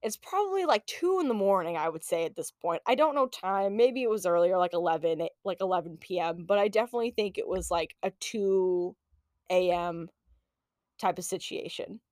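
A woman in her late twenties hosting a podcast, telling a personal story in a casual, animated, profane way and laughing often. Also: on the low side, moderate pace, no echo, studio quality. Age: late 20s. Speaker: podcast host.

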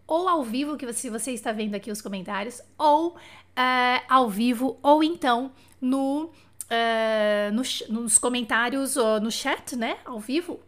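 High-pitched Brazilian woman, chatty live host. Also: a little slow. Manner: chatty and conversational, often addressing listeners with questions and check-in tags. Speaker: live-stream host and language teacher. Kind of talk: casual live lesson, chatting with viewers' comments.

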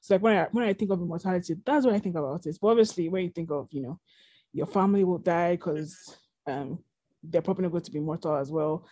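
A young woman chats casually on a podcast, rambling through her thoughts with plenty of "like" and "you know." Her voice is mellow and warm, on the lower side, and the recording is dry and close. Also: quick pace, slightly rough, no room sound. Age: young adult. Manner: chatty, rambling, many fillers. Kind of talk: casual chat.

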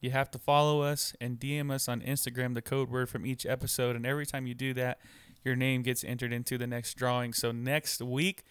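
A man co-hosting a podcast from his home office, easygoing and quick to laugh. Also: mid-range voice, flat delivery, smooth, no room sound. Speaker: podcast co-host. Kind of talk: casual podcast chat.

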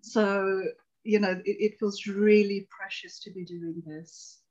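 Slow and fairly even in intonation, her mid-range, slightly mellow voice comes through with the highs cut off. The woman, a psychotherapist in her forties originally from Tanzania, reflects earnestly on her life as a guest in a video-call conversation.

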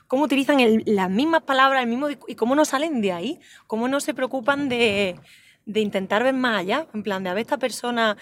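A woman co-hosting a casual interview in a car, asking long, rambling questions. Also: a little high. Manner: chatty, rambling questions with restarts. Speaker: co-host. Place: inside a car.

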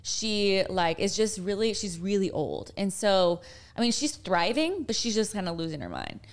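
Speaking at normal speed with a medium-pitched, very animated voice, this young podcast co-host spins a story in easygoing chat. Fillers crop up constantly as she talks.

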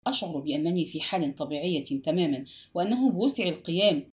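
A woman voicing a troubled middle-aged male civil servant in an audiobook, speaking in an earnest, lowered voice. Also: expressive, quick pace, close to an everyday voice.

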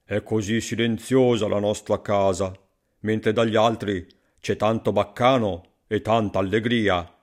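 A man's voice: fairly low pitch, steady tone, measured pace, lightly acted. A man voicing a poor, plainspoken farmer in a storybook reading. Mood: doubting.

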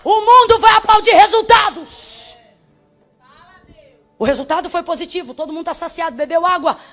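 A woman preaching a sermon with fiery shouted refrains, dropping into speaking in tongues. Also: very high voice, normal speed. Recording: faint music behind.

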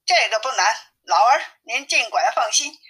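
A clever, cocky male monkey king gives orders with easy confidence, as a woman voices him. The voice is bright and forceful, set higher than usual, with a slightly breathy tone. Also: lively intonation, heavily acted. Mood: confident. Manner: brisk, confident, commanding.

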